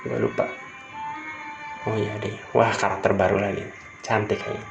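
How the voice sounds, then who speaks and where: A man's voice: lowish voice, little pitch movement, moderate pace, gravelly, muffled recording. A young Indonesian man giving casual, chatty reaction commentary in colloquial slang with bits of English. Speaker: reaction video host. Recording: roomy echo with music behind. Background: show music playing.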